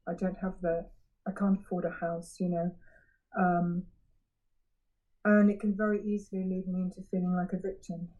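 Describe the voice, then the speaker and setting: A woman giving a frank, self-examining personal share at a recovery meeting, halting and often restarting her sentences. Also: medium pitch, warm tone, low-quality recording. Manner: halting, searching for words with frequent restarts. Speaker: member sharing at a recovery meeting. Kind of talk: personal share, candid reflection.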